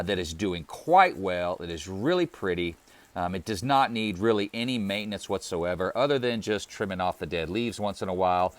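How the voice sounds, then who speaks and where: A man with a somewhat low voice leads a relaxed tour of his deck garden. He talks plainly and easily, with the odd "uh" and "um", like a gardening host chatting to his viewers outdoors. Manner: relaxed, friendly, plainspoken with fillers. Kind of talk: casual garden tour walkthrough.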